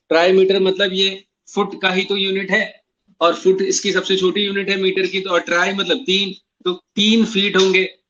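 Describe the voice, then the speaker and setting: Going through exam questions, a man with a high-pitched, fairly bright voice teaches English literature to a classroom of students that is also streamed online. He mixes Hindi and English, spells out words, and repeats key points, all in lo-fi sound.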